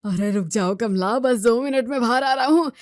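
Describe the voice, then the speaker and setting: A woman's voice: a little high, normal speed, darkish tone, no echo, lightly acted. Woman doing a stubborn greedy old father-in-law over 65, whiny and pleading, dry sound. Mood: urgent.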